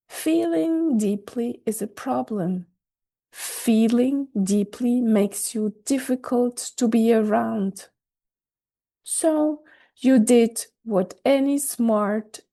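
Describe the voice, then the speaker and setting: Woman podcaster talking slow and gentle, kinda high voice, soft music under it. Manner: slow, gentle, reassuring delivery. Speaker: podcast host. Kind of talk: scripted reflective monologue. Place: recorded in Switzerland.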